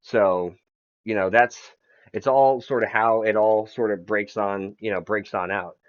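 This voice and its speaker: A man's voice: fairly low pitch, fairly even intonation, unhurried, dull audio. A man chatting casually on a podcast as the league's commissioner, rambling, repeating words and swearing freely.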